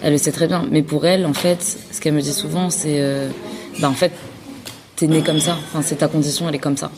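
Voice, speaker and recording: A woman's voice: low-pitched, steady tone, quick pace, noisy background. A woman who was born in France, a podcast guest, talks casually and thoughtfully with many fillers and restarts. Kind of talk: casual conversation.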